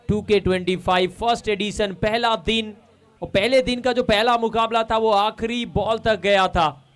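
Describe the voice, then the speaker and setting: A man's voice: on the high side, fairly bright tone, clear, resonant tone. A man giving live cricket analysis as co-commentator in a conversational, explanatory way. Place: commentary box at a cricket ground.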